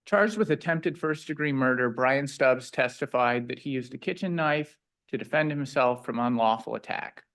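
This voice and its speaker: A man's voice: mid-range voice, moderate pace, fairly bright tone. A man speaking as an appellate defense lawyer, delivering a formal oral argument.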